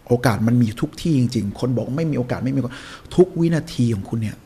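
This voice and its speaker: A man's voice: medium pitch, animated, fast, warm tone, slight background noise. A man talking as a podcast guest, giving emphatic motivational advice and hammering home his points. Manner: emphatic, preachy, repeats key points. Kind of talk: motivational conversation.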